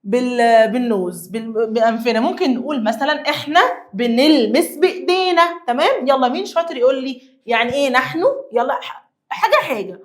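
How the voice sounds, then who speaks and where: A young woman with an Egyptian Arabic accent teaching an English lesson to children, coaxing them along and repeating words slowly. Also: high voice. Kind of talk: classroom lesson explaining vocabulary.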